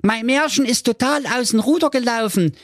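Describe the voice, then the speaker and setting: A man's voice: normal speed, dry recording, studio quality. A man voicing a panicky, whiny young prince in a comic fairy tale. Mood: frantic. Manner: shrill, frantic, whining.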